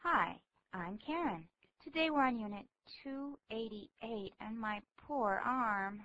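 A woman reads model English dialogues on a radio lesson. She speaks very slowly and clearly, at a medium pitch. The recording is dull, with a faint hum behind her. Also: animated, bright, forceful tone. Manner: clear, careful reading of example lines. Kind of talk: slow model dialogue reading.

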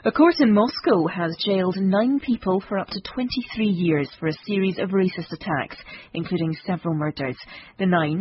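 A British woman reading a scripted radio news bulletin in a measured, formal manner. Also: lowish voice, slightly rough, lo-fi sound. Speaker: newsreader.

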